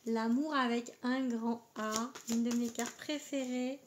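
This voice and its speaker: A woman's voice: a little high, fairly even intonation, a little slow, slight background noise. A woman giving a casual astrology card reading, talking hesitantly with many filler words. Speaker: oracle card reader.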